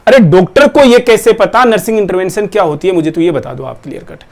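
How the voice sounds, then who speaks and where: Male coaching teacher, high-pitched voice, forceful rhetorical lecture to students. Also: fast talker. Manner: forceful, rhetorical, addresses viewers directly. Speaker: nursing exam coaching teacher. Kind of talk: persuasive talk to students.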